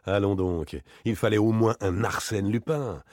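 A man voicing a self-assured gentleman burglar in an audiobook, teasing and smoothly mocking. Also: lowish voice, measured pace, no room sound, studio quality, lightly acted. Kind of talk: audiobook character reading.

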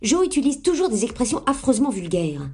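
A woman's voice: fairly high pitch, big pitch swings, a little fast, a little mellow, slightly rough, pitched above the performer's own voice, exaggerated voice. A woman reader voicing a prissy, haughty little youngest sister with whiny, dignified airs. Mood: indignant.

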